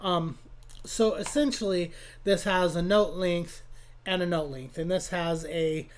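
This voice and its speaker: A man's voice: high-pitched, steady tone, unhurried. A man hosting a casual music production tutorial, rambling and profane, with many fillers and restarts. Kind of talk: casual screen-recorded tutorial.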